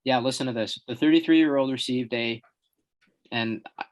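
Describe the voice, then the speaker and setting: A young man co-hosting a sports podcast in casual chat, giving score updates and reading news out haltingly. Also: mid-range voice, lo-fi sound. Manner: chatty, reads updates out haltingly. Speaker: podcast co-host.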